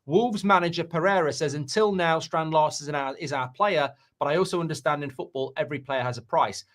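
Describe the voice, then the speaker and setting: A man's voice: on the high side, a little fast, a bit bright. Chatty man hosting a football talk show. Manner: talkative, hesitant with fillers and restarts. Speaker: football channel host. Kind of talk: casual football chat show.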